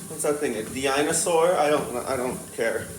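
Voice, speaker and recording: A man's voice: medium pitch, moderate pace. A teenage boy chatting casually to himself into a tablet, hesitant and stop-start, his train of thought wandering. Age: teenager, born around 2010. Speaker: vlogger. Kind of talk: rambling casual solo chat. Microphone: talking to a tablet. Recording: echoey room with faint background noise.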